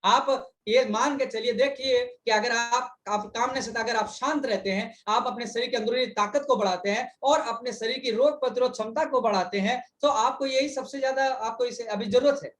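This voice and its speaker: A man's voice: extremely high pitch, normal speed, hardly any pauses, a bit bright. A man interpreting a speaker's words in consecutive interpretation, restating each point fluently and in full over a video call.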